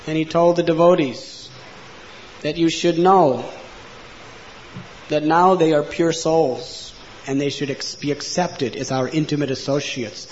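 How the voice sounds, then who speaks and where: Man preaching a devotional story, earnest, kinda high voice, muffled lo-fi recording. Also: fairly even intonation, unhurried, pauses often. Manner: earnest, swinging between loud emphasis and hushed endings. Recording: dull lo-fi recording with faint noise.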